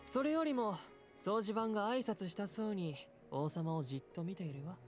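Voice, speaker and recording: A woman's voice: medium pitch, quick pace, darkish tone, faint music behind, lightly acted. A woman playing a composed, teasing head maid of a royal castle in an audio drama, polite and sly.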